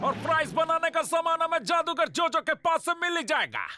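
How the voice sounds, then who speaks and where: A man's voice: extremely high pitch, big pitch swings, fairly quick, full character voice. A man voicing a bossy, scheming convict ringleader in a Hindi cartoon dub. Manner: bossy, shouting. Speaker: voice actor. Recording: reverberant, music behind.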